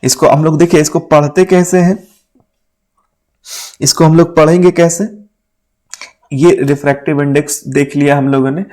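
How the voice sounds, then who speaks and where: A man's voice: on the high side, steady tone, moderate pace, pauses often, a little mellow. A man teaching physics for an exam, talking casually, mixing English terms into Hindi and often checking "है ना?". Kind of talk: exam-prep lecture. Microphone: writing on a board while talking.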